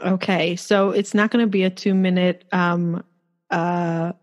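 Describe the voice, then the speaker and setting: A woman's voice: on the low side, little pitch movement, unhurried. Chatty woman guest from Israel. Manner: eager, chatty storytelling with frequent fillers. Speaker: podcast guest. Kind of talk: casual interview chat.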